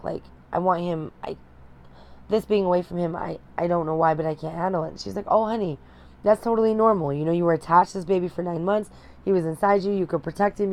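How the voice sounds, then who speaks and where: A young woman telling a personal story to her viewers, candid and emotional, often pausing and restarting her sentences. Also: lowish voice, dark tone. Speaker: vlogger.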